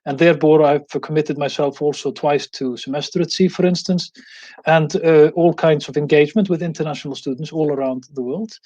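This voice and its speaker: Man from Iceland, mellow lo-fi presentation. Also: fairly high pitch, fairly even intonation, fairly quick. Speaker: guest professor. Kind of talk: academic presentation.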